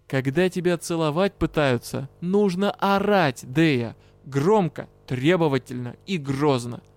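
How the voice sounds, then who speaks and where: A man voicing a brash male dark elf partner in an audiobook, gruff, teasing and bluntly scolding. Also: a little high, measured pace, dry recording. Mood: firm. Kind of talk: audiobook character voice.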